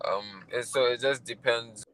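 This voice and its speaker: A young man from Liberia, raised in Ghana, answering interview questions about his music in a soft, hesitant way with many fillers. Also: mid-range voice, a little slow, poor audio. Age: young adult. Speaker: musician guest. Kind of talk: interview answers over a call.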